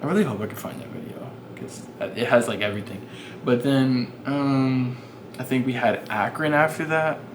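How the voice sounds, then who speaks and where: A man's voice: mid-range voice, normal speed. A young man vlogging, telling a casual story full of fillers and restarts. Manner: rambling, many fillers and restarts. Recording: noisy background ambience.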